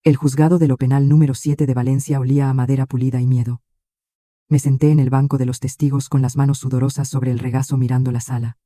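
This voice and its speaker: A man reading a scripted first-person drama story in a flat, measured way. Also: mid-range voice, no room sound, clean studio sound. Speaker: narrator.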